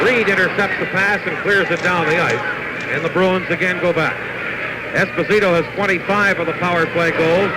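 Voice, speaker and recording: A man with a high voice calls the hockey action in a quick, even stream, naming each pass and player. The sound is an old 1970s broadcast taped off a TV speaker, with loud hiss and rumble underneath. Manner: brisk, steady calling of each pass and player. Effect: re-recorded off a TV speaker. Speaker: play-by-play hockey commentator. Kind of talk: live play-by-play commentary.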